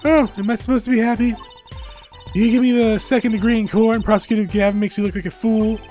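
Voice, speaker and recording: A man's voice: sits high, steady tone, fast, dark tone, faint music behind, pitched above the performer's own voice, close to an everyday voice. A man putting on a grumpy, snippy young detective woman. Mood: annoyed. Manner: snippy and sarcastic.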